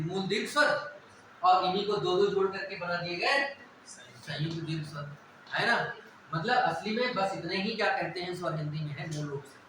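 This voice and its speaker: Heard from afar in a room full of echo, this man's voice sits high over some background noise. He's lecturing a class on Hindi vowels, explaining the grammar one step at a time and often asking whether everyone follows.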